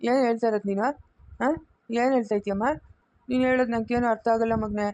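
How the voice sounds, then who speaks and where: A woman's voice: a little high, steady tone, fast, warm tone, slight background noise, lightly acted. A woman acting a desperate estranged father who begs to hold his baby son, deferential and pleading, with a Chikkaballapur Kannada accent, in an amateur family drama. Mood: tender. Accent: Kannada of Chikkaballapur area. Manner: pleading, deferential, keeps saying madam.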